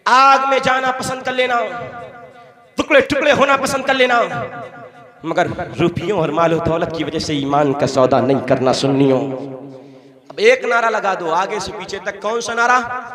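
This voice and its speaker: A male preacher giving a fiery sermon to a gathering, rising to shouts and leading the crowd in call-and-response chants. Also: high voice, moderate pace. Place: public religious gathering. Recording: audience noise behind.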